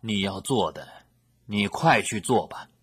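An actor playing a solemn, sorrowful adult male teacher in a storybook scripture reading, speaking in slow, weighty pronouncements. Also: fairly low pitch, sing-song, fairly bright tone, husky, no room sound, exaggerated voice.

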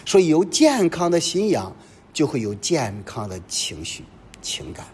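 Man preaching with lively pitch. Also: a little slow. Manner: animated preaching full of rhetorical questions. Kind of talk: sermon. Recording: long reverb with faint low rumble.

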